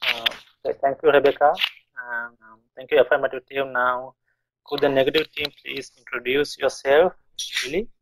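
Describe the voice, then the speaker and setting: A man's voice: mid-range voice, steady tone, normal speed, background noise. A man hosting a podcast and chairing a student debate, speaking hesitantly with many fillers and restarts.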